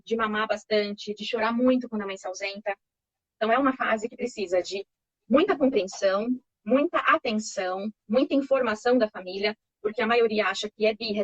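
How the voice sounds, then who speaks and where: Lady guest explaining baby stuff, kinda husky, reassuring, muffled lo-fi sound. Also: on the high side, brisk, dry recording. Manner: patient, reassuring, frequent tag questions. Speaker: child development expert guest. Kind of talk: explanatory interview answers. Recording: slightly muffled lo-fi recording.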